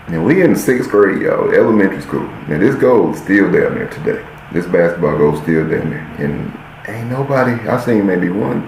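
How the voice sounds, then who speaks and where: A man's voice: deep voice, vocal fry, darkish tone. A man hosting a podcast, telling a story in a casual way, often turning to his listeners with "y'all" and acting out the scenes as he goes. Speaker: podcast host. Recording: roomy echo, faint hiss.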